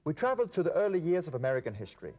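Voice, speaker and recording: A man presenting an English-teaching TV program, delivering scripted lines in a relaxed, friendly way. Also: on the high side, rapid-fire, husky, soft background music.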